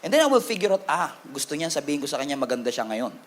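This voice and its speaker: A man with a Filipino accent preaching a sermon in a church, animated and humorous, calling on the congregation to respond. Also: a little high, fast. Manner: animated, humorous preaching with Taglish code-switching. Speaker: pastor.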